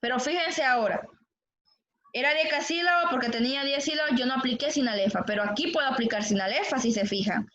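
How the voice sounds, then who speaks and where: High-voiced teacher in an echoey classroom. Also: female voice, quick pace, fairly bright tone. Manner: patient, asks the class questions and repeats answers. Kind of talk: classroom lesson on poetic meter. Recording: echoey classroom, dull lo-fi sound.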